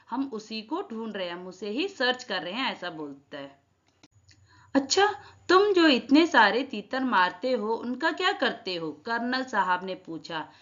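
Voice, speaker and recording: A woman's voice: on the high side, a bit bright. A woman teacher explaining a school reading lesson to children. She rereads each sentence and then explains its words in English. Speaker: Hindi teacher. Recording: dull lo-fi sound.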